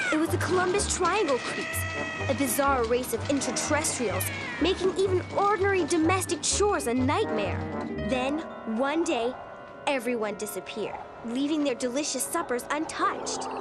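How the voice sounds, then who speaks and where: Mona the Vampire, high-voiced cartoon schoolgirl. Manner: conspiratorial, dramatic, precise child's storytelling. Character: imaginative, earnest, dramatic schoolgirl sleuth. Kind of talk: children's cartoon acting.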